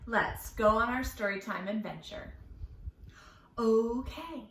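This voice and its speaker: Leading a storytime session for small children, a woman asks questions and sings, cheering them on playfully with slow, deliberately exaggerated pronunciation. Her voice is fairly high and she takes her time, in a room with an echo.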